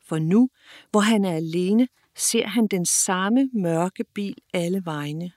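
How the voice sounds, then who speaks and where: A woman narrating a children's audiobook in a clear, expressive storytelling manner. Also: medium pitch, dry recording, clean studio sound.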